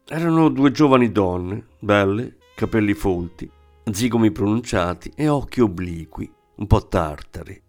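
A man reading literary fiction aloud in a measured, reflective manner, with faint music behind. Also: fairly low pitch, lively intonation. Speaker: audiobook narrator. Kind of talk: scripted literary narration.

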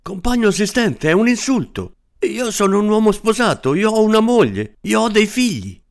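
A man voicing a small, timid married man who turns indignant, speaking in a high, strained voice that rises to shrill protest. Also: sing-song, moderate pace.

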